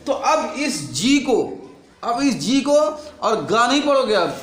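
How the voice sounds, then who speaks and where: A male teacher with a very high voice works through a lesson in front of a board. He keeps asking his class questions and repeating the answers back. The sound rings around a roomy, echoey classroom. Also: sing-song, slow pace.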